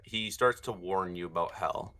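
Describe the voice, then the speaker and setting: A man's voice: low voice, normal speed, bright, forceful tone. A man working as game master, improvising narration for a tabletop game.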